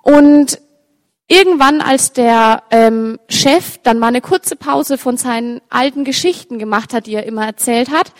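A woman's voice: a little high, unhurried. Woman storyteller in a reverberant hall. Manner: lively, direct address to listeners. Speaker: storyteller for children. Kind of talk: telling a story with pictures to an audience. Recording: long reverb, large hall.

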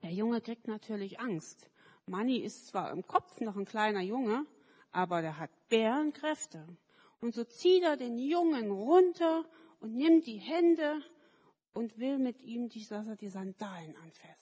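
A woman telling children a story at a service in a slightly high voice, lively and questioning. Her voice carries a long echo from the hall. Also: measured pace, slightly rough. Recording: echoey hall.

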